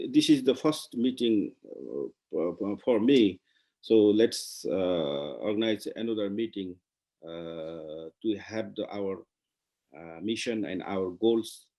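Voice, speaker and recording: A man from Nepal, giving halting guest remarks on a video call, with many pauses and restarts. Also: low voice, mellow. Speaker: guest speaker. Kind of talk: virtual meeting remarks.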